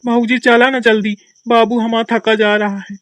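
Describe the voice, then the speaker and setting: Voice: medium pitch, flat delivery, normal speed, close to an everyday voice. A performer voicing a naive, simple-minded young village man with a Kanpuri accent in a cartoon comedy. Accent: Kanpuri rural Hindi.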